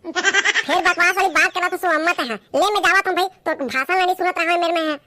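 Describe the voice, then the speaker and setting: A woman's voice: very high voice, heavy background noise. A woman voicing a lazy young village man from a comic skit, grumbling and making excuses in a Chhattisgarhi accent. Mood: whiny. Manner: whiny, grumbling, quick to complain.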